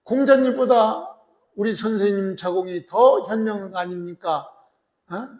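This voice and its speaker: A man lecturing on a classical text. He explains slowly, repeats phrases, and keeps checking in with his listeners using quick tag questions. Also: high voice, a little mellow. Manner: slow and deliberate, repeating and restarting phrases. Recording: echoey lecture hall with long reverb.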